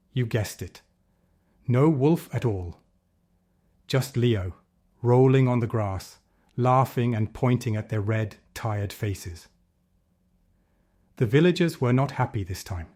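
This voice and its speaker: A man narrating a children's fable, telling it in a gentle, lively, expressive way. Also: medium pitch. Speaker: storyteller.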